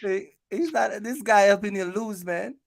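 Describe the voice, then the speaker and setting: A man hosts a casual live quiz for his channel, teasing players and repeating himself for emphasis as he chats and poses game-show questions. His voice is high-pitched, unhurried and creaky, in a dry recording with clean studio sound.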